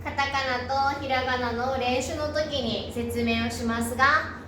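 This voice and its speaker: A woman's voice: sits high, steady tone, measured pace, echoey room, distant mic, background noise. A woman teaching a language lesson, patiently drilling syllables one by one and asking learners to repeat after her. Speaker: Japanese teacher.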